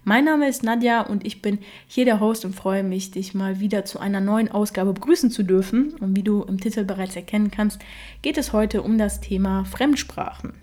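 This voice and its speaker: Here the podcast host talks at a normal speed, her mid-range voice a bit mellow. She's a young woman raised in Germany whose native tongue is Russian, chatting loosely on her solo show with lots of filler words.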